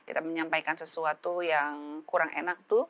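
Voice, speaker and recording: A woman psychologist, giving advice in a relaxed talk show chat, full of fillers and acted-out family dialogues. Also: deep voice, moderate pace, highs cut off. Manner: acts out parent-child dialogues with shifting voices; frequent fillers, relaxed conversational. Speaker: psychologist guest.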